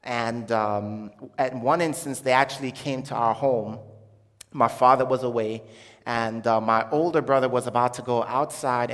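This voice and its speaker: A man with a medium-pitched, slightly bright voice gives an informal religious testimony to an audience, telling his story conversationally and often searching for words. He is from Jamaica and has lived in Brooklyn, New York since childhood. The hall is echoey with a long reverb.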